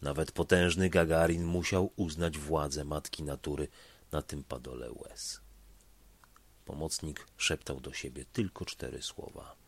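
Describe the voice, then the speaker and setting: A man reading a dramatic story aloud, swinging between loud passages and hushed ones. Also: rumbling low, measured pace, creaky, husky. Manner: expressive, shifts between loud and hushed delivery. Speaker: narrator.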